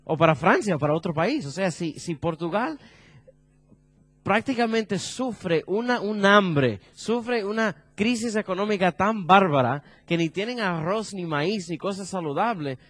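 A male preacher delivering a sermon with a lively, swinging pitch, higher than most men. He asks his listeners questions and sinks to a low voice for the heavy points. The sound is dry and close. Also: dry recording. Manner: animated, asks the congregation questions, drops low for emphasis.

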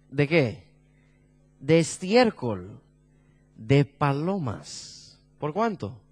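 Animated preacher man with lively pitch. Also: no room sound. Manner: animated, asks the congregation questions, drops low for emphasis. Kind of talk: sermon.

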